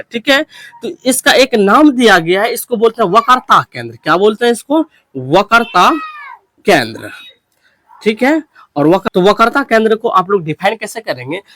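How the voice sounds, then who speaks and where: A man's voice: sits high, a bit bright, no echo. A young man teaching a physics lesson, asking questions and answering them himself, repeating key terms for his students.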